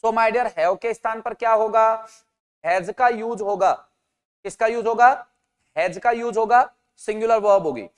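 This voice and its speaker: A man teaches an online English grammar class in a high, smooth, unhurried voice that echoes as if in a large hall. He asks questions and answers them himself, reading out students' names and responses.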